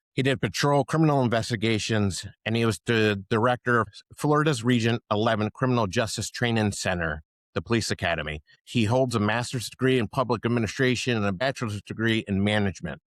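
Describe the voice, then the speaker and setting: A man hosts a podcast and reads a long introduction before asking questions. He talks in a measured way and stumbles now and then. The sound is dry and close. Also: lowish voice, fairly bright tone, no echo. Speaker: podcast host. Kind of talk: podcast interview, reading an introduction.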